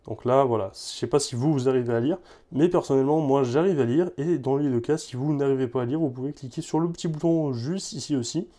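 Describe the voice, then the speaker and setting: A man's voice: mid-range voice, fast talker, mellow. A man casually presenting and testing a gadget for viewers, talking loosely with many filler words and repeated words. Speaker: tech reviewer. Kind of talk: casual product demo.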